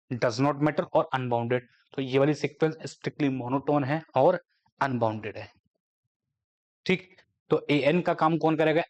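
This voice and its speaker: A man with a fairly high voice teaches a maths lecture at a board. He walks through each step, putting questions to the class and answering them himself. He drops to a slow, careful pace when he reads out a formula. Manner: explains step by step, asking and answering his own questions; slows right down when dictating formulas.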